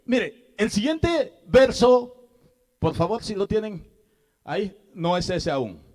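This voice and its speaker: A man's voice: high-pitched, lively intonation, slow, a little mellow. A male pastor preaching a sermon, asking the congregation questions and repeating verses. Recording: long hall reverb.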